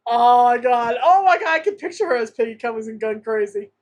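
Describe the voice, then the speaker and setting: A woman's voice: a little high, lively intonation, a little fast, dull audio. A woman co-hosting a podcast in casual, enthusiastic chat, laughing often. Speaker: podcast co-host.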